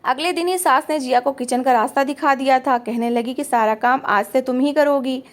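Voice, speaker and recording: High-voiced woman narrating a family story. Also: normal speed.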